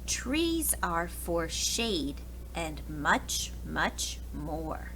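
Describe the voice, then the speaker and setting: This rough recording, with clear background noise, captures an American preschool teacher reading a picture book expressively to young children. Her lowish voice is sing-song and a bit bright, very slow, and she weaves in questions and asides.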